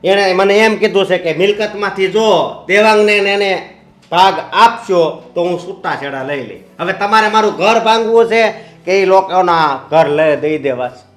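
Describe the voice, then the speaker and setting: A man's voice: sits high, normal speed, reverberant, soft background music, natural voice. A man playing a stubborn adult son who nags his father about the inheritance in a family drama. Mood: accusing. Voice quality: insistent, nagging, demanding. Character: stubborn, grasping adult son, sole heir. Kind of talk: Gujarati short film acting.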